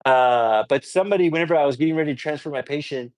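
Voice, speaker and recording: A man's voice: fairly high pitch, quick pace, darkish tone, dry recording. A man who works as a paramedic, teaching emergency skills on a live stream in a casual, storytelling way with lots of fillers.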